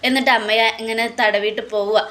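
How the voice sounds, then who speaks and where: A woman's voice: fairly high pitch, fairly even intonation, fast talker, fairly bright tone. A woman narrating a TV serial recap in a chatty, casual storytelling way, with fillers between scenes.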